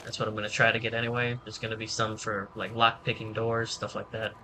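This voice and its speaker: A man giving a relaxed, rambling, self-deprecating let's-play tutorial commentary. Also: lowish voice, fast talker, background noise. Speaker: gaming channel host. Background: game music.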